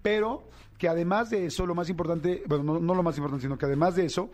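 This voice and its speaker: A man hosting a podcast interview, talking in a quick, animated way and correcting himself as he goes. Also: fairly high pitch. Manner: fast, animated, self-correcting. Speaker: podcast host. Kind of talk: casual interview chat.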